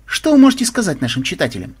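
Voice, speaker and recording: A man's voice: high-pitched, huge pitch swings, racing, breathy edge, voice pushed up, heavily acted. A man voicing a sugary young woman reporting on a game for an audiobook. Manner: syrupy, presenter-like delivery.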